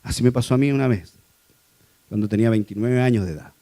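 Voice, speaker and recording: A man preaching a sermon to his congregation, moving between quiet personal testimony and raised, emphatic exhortation. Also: medium pitch, fast. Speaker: lay preacher.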